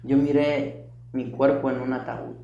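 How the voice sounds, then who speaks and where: A young man recounts a personal testimony, earnest and repetitive. His gravelly voice stays flat in tone. He sounds set back from the mic in a roomy, echoing space. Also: mid-range voice, unhurried, lo-fi sound, slight background noise. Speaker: guest giving testimony. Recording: distant echoey room mic.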